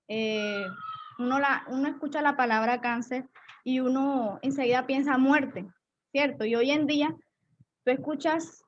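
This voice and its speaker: A woman's voice: on the high side, highs cut off. A woman giving an earnest church testimony, often repeating and restarting her phrases. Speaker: pastor's wife giving testimony.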